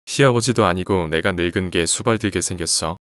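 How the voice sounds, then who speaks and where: A man voicing a sharp-tongued, dismissive middle-aged housewife while reading a horror story aloud. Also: low voice, fairly quick, dry recording, clean studio sound. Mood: scolding. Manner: scolding, dismissive.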